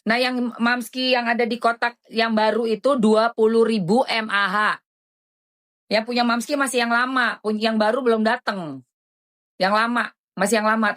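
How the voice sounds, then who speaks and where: A woman's voice: on the high side, fairly bright tone. A woman doing live-stream commentary in a dramatic, indignant way, often calling her listeners darling.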